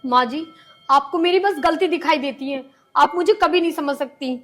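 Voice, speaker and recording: Casting: gentle pleading daughter-in-law, high voice, faint music. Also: female voice, moderate pace. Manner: pleading, earnest. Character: patient, dutiful young village daughter-in-law.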